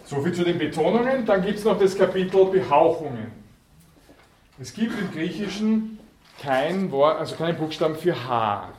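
A man gives a university lecture in a roomy hall, heard from some distance away. He explains step by step, stopping often to correct himself and fill pauses. A faint hiss sits under the recording. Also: a little high, a little mellow. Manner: explanatory, with frequent fillers and self-corrections.

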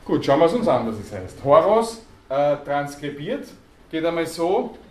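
A man's voice: on the high side, sing-song, moderate pace, a little mellow. Man lecturing in an echoey hall. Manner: explains patiently, quizzes the class, many hesitation sounds. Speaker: university lecturer. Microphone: student recording from the audience. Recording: echoey hall, faint background noise.

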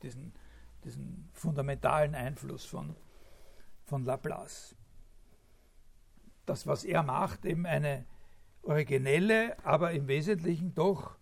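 A man's voice: on the high side, vocal fry. A man giving a spontaneous academic lecture, thinking aloud with many filler sounds, restarts and tag questions.

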